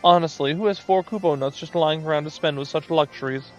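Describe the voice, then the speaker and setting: A man's voice: a little high, brisk, highs cut off, faint music behind, pitched above the performer's own voice, lightly acted. A man voicing a snooty, gossiping moogle villager in an arch, affected dowager-duchess manner. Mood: eager, arch.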